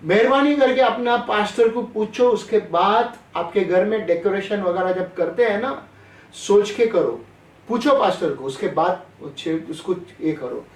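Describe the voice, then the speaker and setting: A man's voice: high-pitched, expressive, a little slow, echoey room, far from the mic, rough recording. A man preaching a sermon in a chatty way, often asking his listeners questions. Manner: conversational, asks the audience questions. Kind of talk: sermon over online call.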